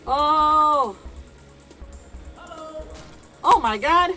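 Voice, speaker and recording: A woman's voice: sits high, expressive, very slow, sharp tone, soft background music, voice pushed up, exaggerated voice. A woman voicing a melodramatic game character in an overacted death scene. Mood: melodramatic dying.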